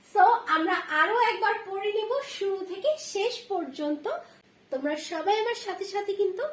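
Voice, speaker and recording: A woman's voice: very high voice, moderate pace, a bit bright. A woman teaching a children's phonics lesson, spelling out letters one by one and then sounding out each word. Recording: roomy echo.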